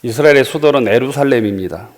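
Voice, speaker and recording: Man, pastor, sermon, measured scripture reading, hesitant fillers. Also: medium pitch.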